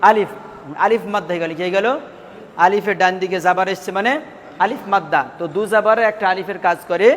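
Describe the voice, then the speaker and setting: A high-voiced man, sounding like he's in a big room, teaches Quran recitation rules to a class. His lesson involves asking students questions, repeating their answers back, and drawing syllables out for drilling.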